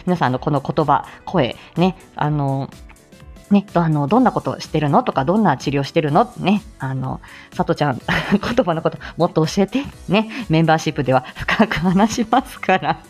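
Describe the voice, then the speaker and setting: A middle-aged woman, a speech-language therapist, hosts a live audio show: a casual morning livestream where she chats politely with listeners, giggling often, and makes announcements. Her voice is low-pitched, animated and darkish, at a normal speed, with soft music in the background.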